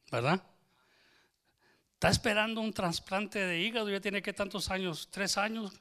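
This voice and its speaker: In a small church, a pastor gives a loose, humorous sermon, joking with the congregation and slipping in English phrases. His voice runs on the high side and sounds a bit bright.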